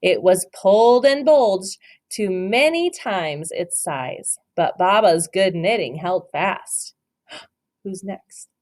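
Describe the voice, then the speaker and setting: A woman reads a picture book aloud to a child at a slow pace and medium pitch, pausing to ask questions. She is gentle and encouraging, telling the story dramatically.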